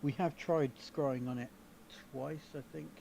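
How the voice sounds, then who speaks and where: A man's voice: mid-range voice, steady tone, unhurried, dark tone, rough recording. A man playing a tabletop role-playing game, speaking hesitantly and casually. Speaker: player. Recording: clear background noise.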